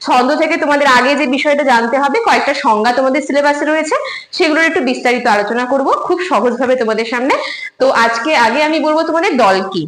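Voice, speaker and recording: A woman's voice: high-pitched, a bit bright, echoey room, poor audio. A woman teacher giving an online lecture, explaining terms step by step, often repeating key words and checking whether students follow. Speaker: Bengali literature teacher.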